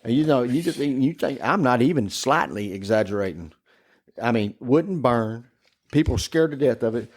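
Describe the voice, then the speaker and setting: A man's voice: medium pitch, lively intonation, moderate pace, darkish tone. A man telling a ghost story in casual chat, rambling and cursing, laughing as he goes. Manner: rambling, profane, laughing through his story.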